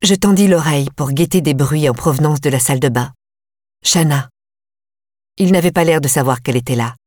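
Woman, audiobook narration, measured and tense, low voice, dry close sound. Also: a little mellow, no room sound. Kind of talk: first-person audiobook narration.

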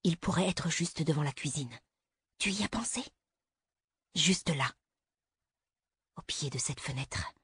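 A woman voicing an unhinged, paranoid mother who mutters slowly and menacingly. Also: deep voice, animated, breathy edge, dry recording, studio quality, heavily acted. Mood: hushed menacing.

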